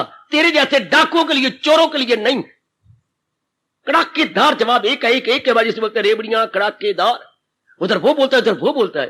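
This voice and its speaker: A man giving a spiritual sermon, telling stories with animated delivery and acting out quoted lines, mixing English words into his preaching. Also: high-pitched. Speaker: spiritual teacher giving a discourse.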